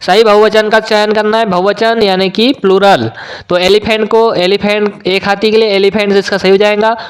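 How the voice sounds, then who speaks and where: A male teacher going through an exam paper question by question, explaining each answer step by step with frequent "uh" pauses. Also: high-pitched, smooth. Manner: explains step by step, often pausing with "uh". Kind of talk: exam solution walkthrough.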